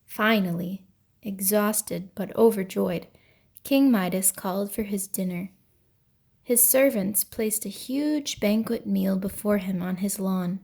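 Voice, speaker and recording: A woman's voice: medium pitch, slow, vocal fry, darkish tone. A woman storyteller narrating an ancient myth from a script, with grave, dramatic delivery.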